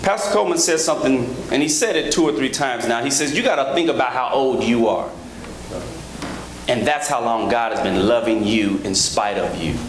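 A man in his thirties preaching a sermon from a church pulpit on a handheld microphone, rhythmic, rising to emphatic high peaks, with joking asides to the congregation. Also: normal speed, a crowd in the background. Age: 30s. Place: large church sanctuary, at a pulpit. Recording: echoey church hall with background noise.

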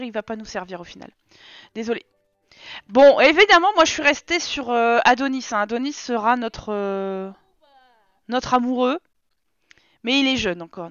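A woman's voice: a little high, a bit bright, clear, resonant tone, no room sound, lo-fi sound. A woman streamer giving casual let's-play commentary, talking to and scolding her game characters in an exasperated way. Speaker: gaming streamer.

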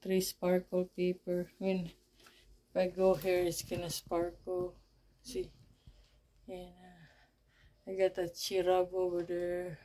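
A woman chatting casually as she shows off her home basement, halting and often searching for words. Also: fairly low pitch, monotone, dark tone. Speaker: vlogger. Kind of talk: casual home tour chat.

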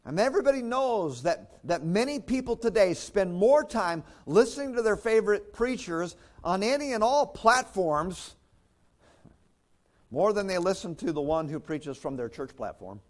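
A man's voice: high-pitched, lively intonation, normal speed. A man preaching a sermon as pastor, in a conversational way with chuckles and restarts.

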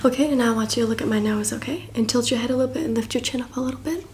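A woman in her twenties doing a fast ASMR ASMR role-play as an encouraging beauty and photo professional, repeating short phrases up close. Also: a little high, noisy background, natural voice. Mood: upbeat, encouraging. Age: 20s. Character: brisk, encouraging female makeup artist, photographer and spa worker. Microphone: close, facing the camera.

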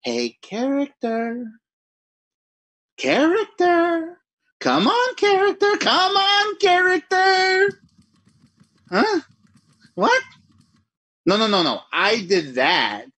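A man performs a full character voice that is high, sharp and husky, with huge pitch swings, a slow pace and frequent pauses. Playing a jittery lone writer talking to himself at night, he rambles and mocks himself in 1940s radio acting style. The recording is dry.

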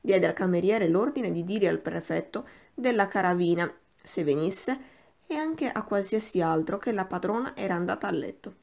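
A woman narrating a classic novel in a measured, expressive audiobook reading. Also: mid-range voice, gravelly.

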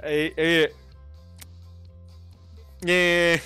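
A man's voice: a little high, little pitch movement, very slow, bright, forceful tone, clear, resonant tone, no room sound, soft background music. A man hosting a casual screen-recording tutorial, rambling as he reads out view counts and corrects viewers' spelling. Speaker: YouTube gamer and channel host.

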